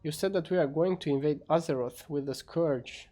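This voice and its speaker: A man's voice: on the high side, moderate pace, warm tone, faint music behind, close to an everyday voice. A man voicing an indignant, hot-tempered demon warlord who protests formally in an amateur fantasy game story.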